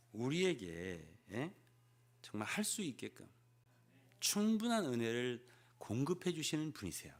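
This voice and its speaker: Animated older man preaching a sermon. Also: medium pitch. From South Korea. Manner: animated preaching, constant "예?" to the congregation, acting out quoted prayers. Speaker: pastor.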